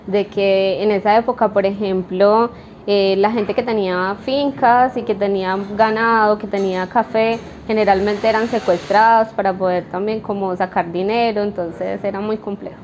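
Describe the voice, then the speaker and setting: A woman's voice: medium pitch, fairly even intonation, normal speed, darkish tone. A woman, a coffee roaster answering interview questions in an explanatory way, with fillers and tag questions. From Colombia. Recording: dull lo-fi with light noise.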